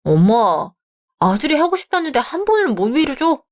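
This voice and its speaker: In a radio drama, a woman with a high-pitched, very animated voice plays a young man stuck between his mother and his fiancée. Speaking at a moderate pace, she sounds frustrated, placating and wheedling.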